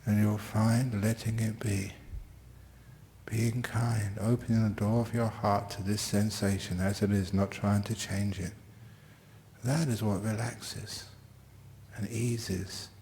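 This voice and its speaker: A man teaching meditation, giving slow, gentle guided meditation instructions with long, unhurried pauses. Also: lowish voice, level tone, a little hiss or hum.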